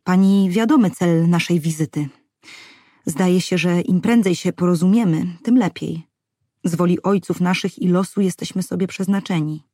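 A woman doing a hurried, uneasy young man. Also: warm tone, no echo, clean studio sound, lightly acted. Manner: quick and lowered.

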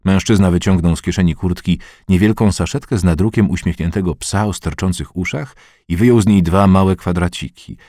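A man narrating an audiobook in a measured, expressive reading voice on a close studio mic. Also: low voice, no room sound. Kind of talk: scripted narration.

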